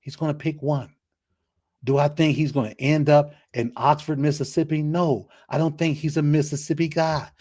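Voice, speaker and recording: A man's voice: fairly high pitch, normal speed. A man hosting a solo sports talk show, ranting bluntly about coaches and teams, often repeating words as he pushes his point. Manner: blunt, opinionated, repeats words when excited.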